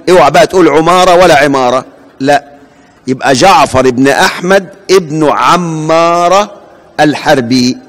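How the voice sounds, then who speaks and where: A man with an Egyptian accent teaching hadith in a classroom lecture, quizzing his students and slowly repeating and spelling out names. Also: fairly high pitch. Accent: Egyptian Arabic. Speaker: hadith professor. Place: large mosque hall. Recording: long hall reverb.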